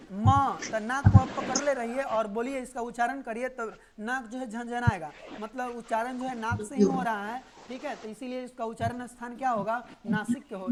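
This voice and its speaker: A woman's voice: a little high, heavy background noise. A woman teaching a live online grammar class, explaining with little memory stories and repeating key words.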